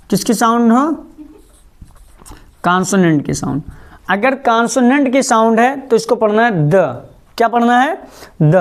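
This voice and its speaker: A male teacher giving a grammar lesson, asking quick questions and repeating the answers, slowing words down to show how they are said. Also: very high voice. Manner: stretches out words slowly to model pronunciation.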